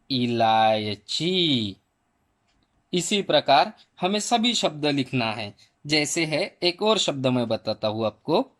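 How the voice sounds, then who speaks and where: Slow, patient man sounding out letters. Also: fairly high pitch, a bit bright. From India. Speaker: primary school Hindi teacher. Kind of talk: slow spelling lesson for children.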